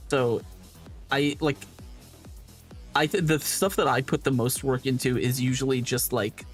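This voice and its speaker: A man's voice: medium pitch, steady tone, unhurried, faint music behind. A man from New York, an illustrator, chatting casually and thinking aloud on a live stream.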